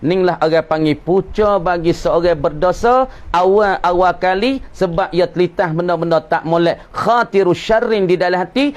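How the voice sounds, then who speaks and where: A male religious teacher with a Kelantan Malay accent and a voice pitched a little high. He reads out Arabic lines in a slow chant and then explains them quickly in local dialect. He keeps asking questions and answering them himself. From southern Thailand. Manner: asks and answers his own questions. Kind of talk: kitab study lecture.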